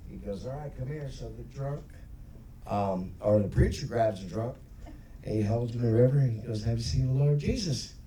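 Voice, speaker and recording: A man's voice: mid-range voice, moderate pace, dark tone. A man from the audience telling a joke on a comedy club stage. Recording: roomy club, distant, faint noise.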